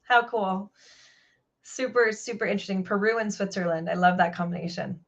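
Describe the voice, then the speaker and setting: A woman's voice: medium pitch, steady tone, brisk, gravelly. Chatty woman hosting an interview, upbeat, slightly muffled call audio. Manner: chatty and enthusiastic, asks clarifying questions. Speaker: show host.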